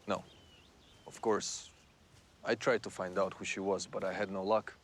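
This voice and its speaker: An actor playing a solemn troupe leader in a period TV drama. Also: male voice, deep voice, steady tone, a little slow, a little hiss or hum.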